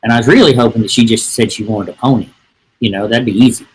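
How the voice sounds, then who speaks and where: A middle-aged real estate agent, appearing as a podcast guest, tells a rambling, folksy story packed with "and, uh" restarts. He talks fast in a lowish, husky voice, and the audio is poor.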